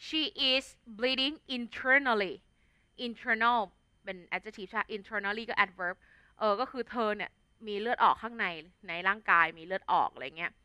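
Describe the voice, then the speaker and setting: A young adult woman with a Thai accent teaches an English vocabulary lesson in a chatty, casual style packed with fillers and tag words. Her voice is on the high side, slow, bright, and forceful, recorded clean with no echo in a studio.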